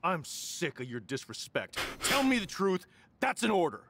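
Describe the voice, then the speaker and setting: A man's voice: sits high, huge pitch swings, moderate pace, background noise. An American actor playing an authoritarian middle-aged stepfather in a video game, stern and commanding as he interrogates. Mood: suspicious, angry. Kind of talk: video game drama acting.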